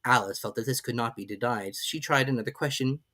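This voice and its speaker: A reader giving an expressive scripted narration of a children's storybook. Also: mid-range voice, fast. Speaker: audiobook reader.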